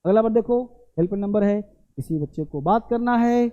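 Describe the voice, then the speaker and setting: A man with an Indian accent teaching English pronunciation in a casual classroom style, repeating each word slowly and emphatically. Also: high-pitched, expressive. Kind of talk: informal classroom teaching, drilling words. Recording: slightly dull lo-fi sound.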